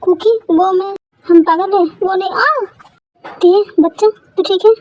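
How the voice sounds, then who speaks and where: A woman's voice: extremely high pitch, steady tone, measured pace, mellow, lo-fi sound. A woman reading a fan-made love story aloud and voicing every character's bickering dialogue herself.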